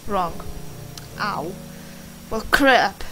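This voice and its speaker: A woman's voice: medium pitch, animated, very slow, sharp tone, slight background noise. A young woman doing casual gameplay commentary in a rambling, sweary, self-deprecating way. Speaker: gaming video host. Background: game music.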